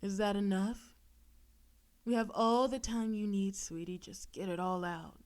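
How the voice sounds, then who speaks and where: In an intimate audio roleplay, a woman plays a possessive girlfriend who is possessed by a demon, sounding sweetly condescending, controlling, and quietly menacing. She speaks slowly, coaxing and teasing with pet names and veiled threats. Her voice is medium-pitched, slightly mellow, with fairly even intonation and a light acted quality.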